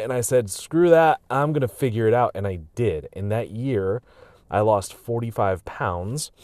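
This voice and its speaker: A man's voice: mid-range voice, dark tone, dry recording, studio quality. A man talking casually to his viewers in a rambling, reflective way, tired and hiccuping, with many fillers and restarts. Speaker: vlogger. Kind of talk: casual personal monologue.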